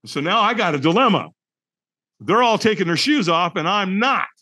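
A man's voice: high voice, animated, normal speed, bright, forceful tone. A middle-aged man, a podcast guest, telling a personal story in an emphatic, colorful and profane way, acting out his own thoughts.

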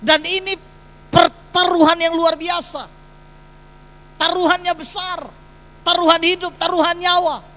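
A man's voice: extremely high pitch, level tone, a little slow, pauses often, pushed and bright, rough recording. A man, preaching a sermon in a church and putting emphatic rhetorical questions to the congregation. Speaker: pastor.

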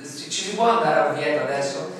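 A man's voice: on the high side, quick pace, a bit bright, far from the mic. A middle-aged man from Italy preaching a sermon in a small church hall, talking casually and putting questions to the congregation. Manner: conversational, asks the congregation questions. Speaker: pastor. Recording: echoey hall, voice from afar.

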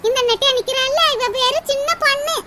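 A loud, blunt cartoon village woman, voiced by a woman who teases and scolds in a southern Tamil Tirunelveli accent. Her voice sits very high, and it is heard over heavy background noise. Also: steady tone, fairly quick. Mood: teasing.

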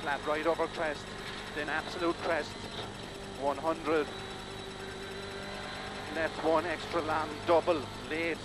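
Casting: male rally co-driver, clipped pace-note delivery, even pitch, recorded in-car under heavy engine din. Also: slow, pauses often. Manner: terse, clipped calls of directions and numbers. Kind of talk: rapid rally pace notes. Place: inside a rally car at speed on country lanes. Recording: very loud car engine noise. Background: loud engine and vehicle noise.

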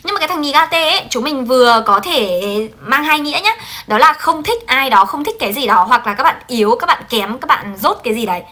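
A woman teaches a Japanese translation class over a livestream, lively and coaxing as she frequently checks in with her students. Her voice sits high, and she speaks fairly quickly.

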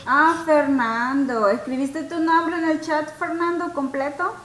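High-voiced, slow-speaking woman teacher. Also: steady tone, a bit bright, echoey room, low-quality recording. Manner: patient, asks students questions, mixes Spanish and English. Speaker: English teacher. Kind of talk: online class teaching. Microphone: video call.

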